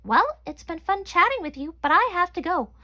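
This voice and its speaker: A woman voicing a tiny, busy female chipmunk with a squeaky voice in a read-aloud storybook. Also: sing-song, moderate pace, pushed and bright, full character voice. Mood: chirpy.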